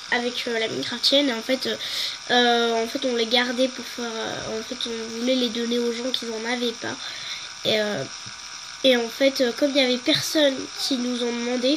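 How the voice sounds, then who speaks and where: With background noise in the clip, a young woman speaks in a fairly high pitch, congested from a head cold. She hosts gaming videos and is giving a casual walkthrough, chatting hesitantly and filling gaps with plenty of fillers.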